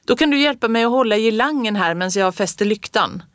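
A woman voicing Ingeborg, a busy and kindly village shopkeeper who talks briskly and only half listens. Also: a little high, animated, a bit bright, no echo, clean studio sound, voice pushed up. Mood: brisk friendly.

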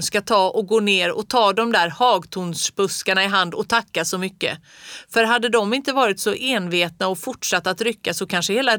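A storyteller voicing Fritjof, a gruff, blunt farmhand in a storybook, with a slow, drawling delivery that builds into roaring. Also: mid-range voice, a bit bright, dry recording, close to an everyday voice. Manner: slow, drawling, grows into a roar. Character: gruff grown man, a farmhand, blunt and stubborn. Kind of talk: storybook read-aloud.

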